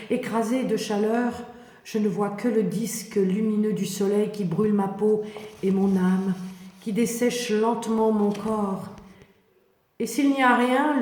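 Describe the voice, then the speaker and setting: Slow, mellow woman narrating in echoing hall. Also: medium pitch. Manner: slow, poetic, contemplative delivery with measured phrases. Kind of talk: scripted literary biblical narration, first-person meditation. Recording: echoey hall with long reverb.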